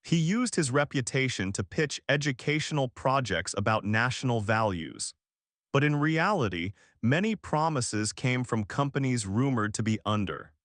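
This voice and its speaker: A man reading a scripted documentary narration in a measured, dramatic storytelling manner. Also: mid-range voice, fairly bright tone, no echo, studio quality.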